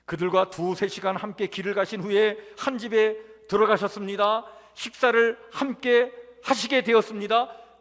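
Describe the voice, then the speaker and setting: A male pastor with a high voice preaches to his congregation, rising and swelling on the words he stresses. His voice rings with the long reverb of a church sanctuary. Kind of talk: sermon.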